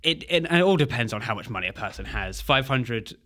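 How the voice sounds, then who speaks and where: A young man answering questions in a casual podcast chat, measured and thoughtful. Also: medium pitch, animated, sharp tone. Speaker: podcast co-host. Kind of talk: casual discussion.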